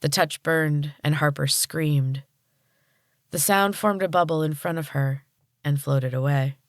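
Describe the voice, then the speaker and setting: A woman podcast host narrating a storybook chapter in a calm, measured way. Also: low-pitched, no room sound, clean studio sound.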